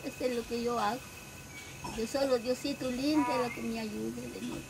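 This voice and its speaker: A woman's voice: on the high side, fairly even intonation, moderate pace. An older woman speaks humbly and devoutly through tears, giving heartfelt thanks. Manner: humble, devout, plain-spoken. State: tearful, crying as she speaks. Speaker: villager receiving aid. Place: outdoors at a rural hut doorway. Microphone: phone held a few steps away. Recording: outdoor phone video, clear background noise.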